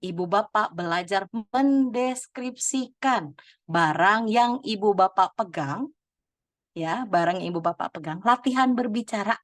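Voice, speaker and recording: A woman's voice: medium pitch, measured pace, dry recording. A woman presenting a webinar on public speaking, speaking over a video call. Her talk is chatty and encouraging, with frequent laughs and direct questions to the audience. The sound is close and dry, with no room around it. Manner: chatty, laughs often, calls on participants by name. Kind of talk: lively teaching talk to teachers.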